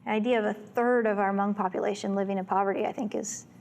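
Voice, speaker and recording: Flat-toned woman presenting data. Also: medium pitch, fast talker.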